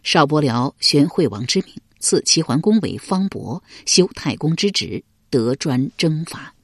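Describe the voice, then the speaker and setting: A woman narrating a historical novel as an audiobook, in an expressive storytelling way. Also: deep voice, measured pace, slightly rough, dry recording, clean studio sound. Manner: dramatic, expressive.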